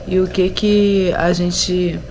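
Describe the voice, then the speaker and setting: Filming a casual home vlog on her phone held at arm's length, a woman in her thirties from Brazil walks through her house under renovation, her voice hoarse from a sore throat. Her Brazilian Portuguese-accented speech is slow, low, level, and a little mellow, chatty and often aimed at viewers, with echo and clear background noise around her.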